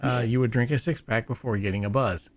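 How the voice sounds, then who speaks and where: A man's voice: mid-range voice, fairly quick. A man talking as a panelist in a casual fan chat, rambling, restarting sentences, and joking as he goes.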